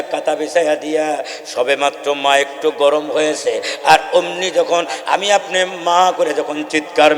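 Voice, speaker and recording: A man preaching a sermon, chanting verses and rising into shouted, tearful appeals. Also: fairly high pitch. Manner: chanting Quranic verses, then shouting and crying in emotional peaks. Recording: echoey hall with long reverb.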